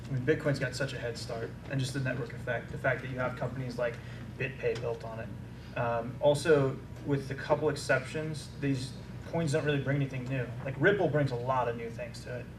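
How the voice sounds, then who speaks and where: A man answering as a conference panelist, quick and casual with frequent fillers. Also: medium pitch, fairly even intonation. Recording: distant echoey hall with noise.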